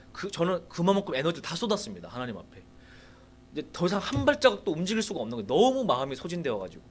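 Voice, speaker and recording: Guy preaching in a church, talks fast, voice jumps all over, kinda high, acts out his prayers. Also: a little hiss or hum. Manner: animated storytelling, acting out his own prayers; addresses the congregation directly with rhetorical questions. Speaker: guest preacher at a revival meeting. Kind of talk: sermon with personal testimony. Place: church sanctuary.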